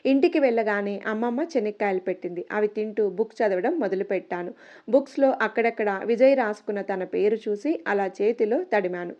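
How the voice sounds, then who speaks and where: A young woman narrating a first-person love story in a gentle, dreamy storytelling manner. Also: mid-range voice, fairly quick. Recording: muffled lo-fi recording.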